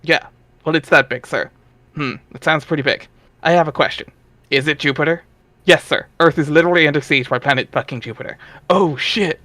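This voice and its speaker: A man voicing a sardonic, rambling teenage boy with a drawling, deadpan delivery in a dramatic reading of a webcomic. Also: fairly high pitch, fairly quick, no echo.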